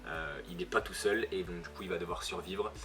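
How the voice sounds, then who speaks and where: Over background music, a young man with a ch'ti accent from northern France talks briskly through a manga review. His low voice stays fairly even, and his casual delivery is full of fillers and corrections as he hosts the video.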